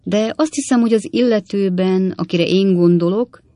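A reader voicing a kindly, earnest elderly gentleman lodger in an audiobook. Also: medium pitch, no echo, voice pushed up, natural voice.

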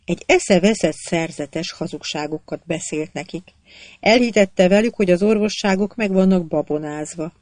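A reader voicing a humble desert peasant woman who talks plainly, with calm superiority. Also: medium pitch, no room sound, natural voice. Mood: urgent. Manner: plain-spoken, calmly superior. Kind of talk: audiobook character voice.

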